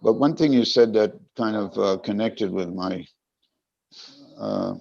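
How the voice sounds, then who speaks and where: A man with a growling, gravelly voice, talking casually and wordily as a participant commenting in a class, in a rambling, self-deprecating way. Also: fairly low pitch, a little slow, mellow. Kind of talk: casual spoken comment and question. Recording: dull, lo-fi internet call.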